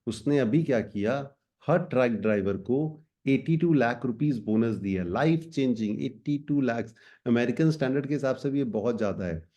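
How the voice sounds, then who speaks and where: Chatty teacher man, mellow voice. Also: medium pitch, animated, normal speed. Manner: chatty, switches between Hindi and English phrases. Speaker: quiz teacher for students. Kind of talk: explanatory class talk.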